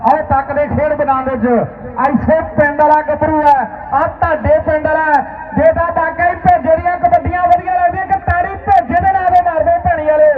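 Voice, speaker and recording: A man's voice: extremely high pitch, level tone, fairly quick, slight background noise. A man with a Punjabi accent calling a village kabaddi match live, with repeated chanted lines and verse. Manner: repetitive chanted calls. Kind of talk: rural live sports commentary with chanted verse. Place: outdoor village sports ground. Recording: echoey, distant, tinny loudspeaker sound.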